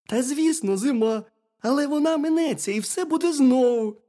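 A reader doing a high, chirpy little hedgehog. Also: normal speed, mellow, close to an everyday voice. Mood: soothing. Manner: coaxing, upbeat, exclaiming. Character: lively, kind hedgehog who comforts his friend. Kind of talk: storybook reading.

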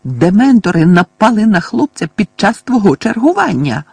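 A man reading an audiobook voices a shrill, furious old woman, a bossy neighbour who shrieks and scolds. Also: sing-song, moderate pace, a little mellow, husky, no echo, heavily acted. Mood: shrieking fury.

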